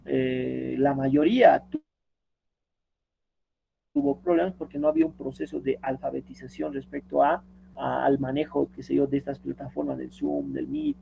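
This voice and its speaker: A man's voice: mid-range voice, very animated, moderate pace, vocal fry, breathy edge, highs cut off. A man teaching a lesson, explaining step by step and reading quotes aloud, often checking with "¿no?". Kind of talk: screen-share tutorial lecture.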